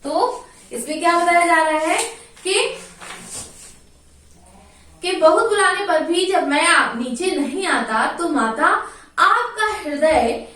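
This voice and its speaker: Animated high-voiced woman teaching, echoey room. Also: takes it slowly, long pauses, slight background noise. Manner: recites poem lines then explains them simply to children. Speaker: school Hindi teacher. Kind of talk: online class, reading and explaining a poem. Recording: very echoey room, voice far from mic.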